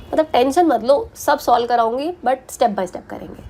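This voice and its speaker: Patient grammar teacher, female, repeats her examples slowly, lightly raised pitch. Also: mellow, slight background noise. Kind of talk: Hindi-English classroom explanation.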